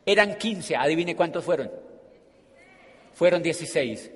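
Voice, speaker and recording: A man's voice: on the high side, a little slow, slightly rough. A man giving a humorous, storytelling motivational speech to an audience and acting out the scenes he describes. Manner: animated, humorous, acts out scenes. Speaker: motivational speaker at a business meeting. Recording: hall reverb.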